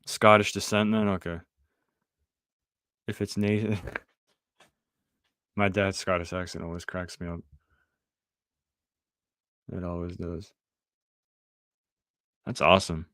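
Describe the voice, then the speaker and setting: This young podcast host answers his live-stream chat slowly and smoothly, pausing often as he rambles in a relaxed way. His voice sits fairly low and frequently fades into quiet asides, captured close and dry without any room echo.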